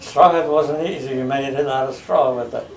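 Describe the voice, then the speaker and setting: An older American man, seated in a recliner in a spacious living room, slowly and haltingly tells his life story for a family oral history interview. His mid-range voice is a little mellow with fairly even intonation. The camera mic sits across the room, giving the home video a roomy, distant sound.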